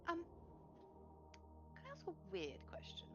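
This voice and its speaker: A woman's voice: measured pace, lightly acted. A woman playing a blunt, awkward young adventurer who rambles and curses when embarrassed, in a tabletop game. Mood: curious. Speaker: player. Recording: slightly muffled stream audio. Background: faint music.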